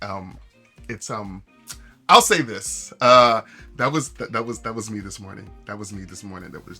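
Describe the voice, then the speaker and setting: A man streaming live, chatting casually to viewers and telling a story with lots of restarts and acted-out quotes. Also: mid-range voice. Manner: animated storyteller with many restarts and quoted voices.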